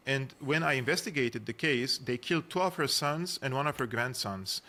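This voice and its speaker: A man's voice: medium pitch, normal speed, pushed and bright. An earnest man with a Syrian Armenian accent, a journalist and analyst speaking as a guest in a podcast interview, with frequent fillers and restarts.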